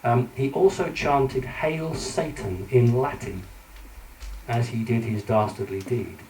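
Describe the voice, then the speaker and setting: Man, conference speaker, mellow tone, hesitant fillers, recorded from a distance in an echoey hall. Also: medium pitch, unhurried, slight background noise. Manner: earnest, hesitant with frequent fillers. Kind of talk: conference lecture with slides.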